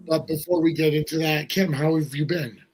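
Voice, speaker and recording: Slightly worn, higher-pitched male host. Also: fairly even intonation, brisk, a little mellow, slightly rough. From US Northeast. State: voice slightly off, not fully recovered. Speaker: podcast host. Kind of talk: casual talk show hosting.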